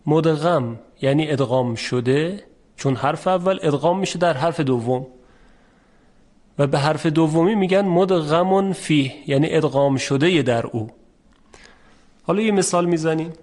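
Guy teaching recitation rules, patient, repeats examples slow, kinda high voice. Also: darkish tone. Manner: patient, explains step by step and repeats examples slowly. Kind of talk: formal spoken lesson.

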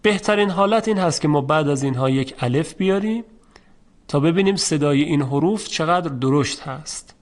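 Patient, slightly high-voiced male teacher. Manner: patient, methodical explaining with slow drawn-out example sounds. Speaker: Quran recitation teacher. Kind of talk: instructional lesson.

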